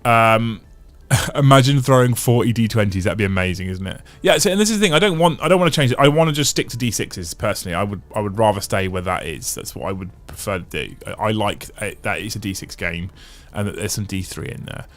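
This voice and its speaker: A lowish, lively male voice moves fast with few pauses as he hosts a casual livestream and reads out viewer comments. Chatty and thinking aloud at length, he restarts often and repeats phrases.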